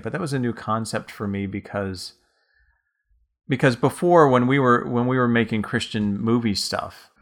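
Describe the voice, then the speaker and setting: A man's voice: lowish voice, fairly bright tone. A man co-hosting a podcast as an author, telling long, rambling, reflective stories in casual conversation.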